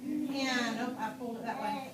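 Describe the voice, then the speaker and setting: Woman, teacher, high voice, slow expressive read-aloud, distant mic, echoey noisy classroom. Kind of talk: classroom shared reading aloud.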